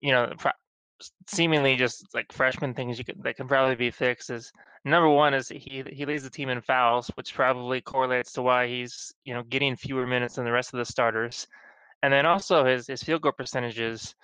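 Bright, smooth-voiced male sports host. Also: medium pitch, steady tone, brisk, no room sound, poor audio. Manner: laughs often, asks long questions. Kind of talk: casual interview.

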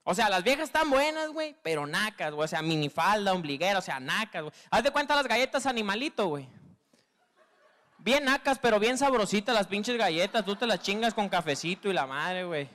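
A man with a northern Mexican accent doing a crude stand-up comedy monologue, heavy on slang, who acts out women's lines in a higher squeal. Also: expressive, a little fast, sharp tone. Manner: crude slangy storytelling, constant filler tag.

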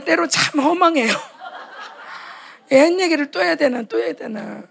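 A woman's voice: sits high, expressive, unhurried, creaky. A woman preaching a sermon at a retreat for pastors' wives, speaking with passion and acting out short quoted dialogues. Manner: impassioned, acts out quoted dialogues.

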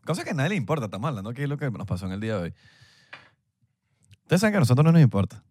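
A man's voice: mid-range voice, very fast. A young man with a Venezuelan accent, co-hosting a podcast, joking playfully and swearing freely. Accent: Venezuelan Spanish. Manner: animated, playful, swears a lot, mimics voices. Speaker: podcast co-host. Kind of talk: casual banter.

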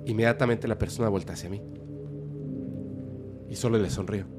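A man, a podcast guest telling a story in animated conversation, often checking that the listener is following. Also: fairly low pitch, brisk. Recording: music playing under the voice.

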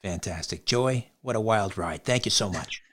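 A man's voice: fairly low pitch, normal speed, fairly bright tone. A man hosting an interview, wrapping it up with brief, courteous prompts and thanks. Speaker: host. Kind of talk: interview host wrap-up.

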